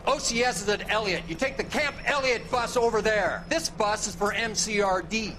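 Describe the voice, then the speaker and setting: An actor playing a foul-mouthed, bullying American Marine drill sergeant in a video game, barking gruff insults and threats. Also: male voice, sits high, moderate pace, pushed and bright. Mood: irritated, contemptuous. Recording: clear background noise under voice.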